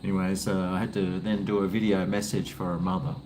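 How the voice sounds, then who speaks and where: A man's voice: deep voice, little pitch movement, brisk, a little mellow. A man with an Australian accent chatting casually to his viewers in a laid-back, blokey, rambling way. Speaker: livestream cooking vlogger. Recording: faint background noise.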